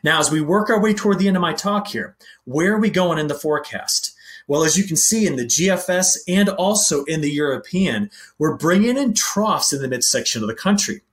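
A man giving an agricultural weather briefing, explaining maps in an animated, pointing way. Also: on the high side, brisk. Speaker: weather forecaster.

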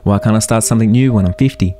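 Talking very fast, this man in his thirties runs a solo motivational podcast and speaks with earnest intensity, throwing out rhetorical questions. His voice is fairly low and dark in tone.

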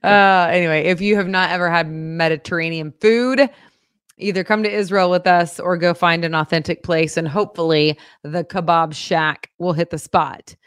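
A woman co-hosting a local news show in a chatty, upbeat and animated way. Her voice sits a little low, and the recording is dry and close, with no room sound. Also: moderate pace, clean tone, no echo. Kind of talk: casual local news chat.

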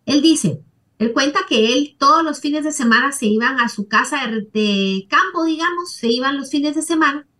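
A woman's voice: high-pitched, animated, normal speed, recorded from a distance. A woman therapist, a podcast guest, explaining relationship habits through stories, often asking "right?". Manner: storytelling, warm tag questions. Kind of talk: conversational explaining with anecdotes.

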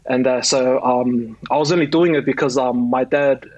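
A man's voice: mid-range voice, normal speed, no room sound, low-quality recording. A young man from New Zealand, a rugby league player, chatting casually in an interview with lots of fillers. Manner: relaxed, many fillers and likes.

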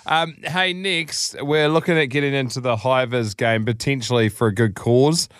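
A man's voice: mid-range voice, moderate pace, a bit bright, smooth, no room sound. Laid-back male radio host, dry studio sound. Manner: laid-back, colloquial, blokey. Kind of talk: casual radio banter.

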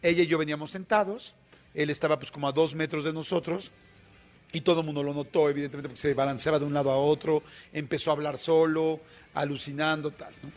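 A man's voice: on the high side, steady tone, fast. A man with a Mexican Spanish accent, hosting a radio show and telling a vivid anecdote in a chatty, casual way. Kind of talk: casual on-air storytelling.

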